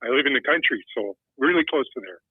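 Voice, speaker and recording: A man's voice: medium pitch, lively intonation, quick pace, husky, dry recording. Older male caller on a tinny phone line. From Quebec. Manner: earnest, personal, conversational.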